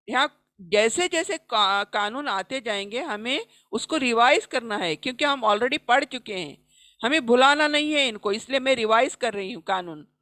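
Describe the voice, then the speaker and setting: Woman, recitation teacher, high bright voice, unhurried, dry close sound. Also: no room sound. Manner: explains a rule, then recites the example slowly and stretched. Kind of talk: recorded online lesson.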